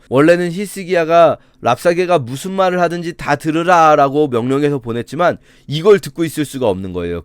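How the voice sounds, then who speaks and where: A man preaching a sermon as a pastor, telling the story in an animated, dramatic way. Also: fairly high pitch, no echo, clean studio sound.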